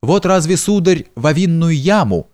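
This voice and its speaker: A man voicing an old, kindly house steward who speaks in a homely folksy way, slow and soothing, in an audiobook. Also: on the high side, expressive, a little mellow, pitched above the performer's own voice, lightly acted. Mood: fretting. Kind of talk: audiobook character reading.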